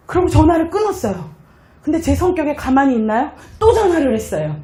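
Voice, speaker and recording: Lively woman lecturer in an echoey hall. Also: high-pitched, fast talker. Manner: lively, leads audience in chants, acts out dialogue. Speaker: lecturer on happiness and communication. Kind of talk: motivational lecture with anecdotes. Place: lecture hall with live audience.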